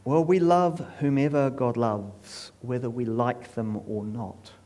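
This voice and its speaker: A man narrating a scripted story in a measured, solemn way, returning to a repeated refrain. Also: medium pitch, steady tone, mellow.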